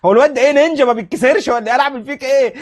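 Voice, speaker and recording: A man with an Egyptian accent giving animated, mocking fan commentary on a football match. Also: very high voice, very fast. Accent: Egyptian Arabic.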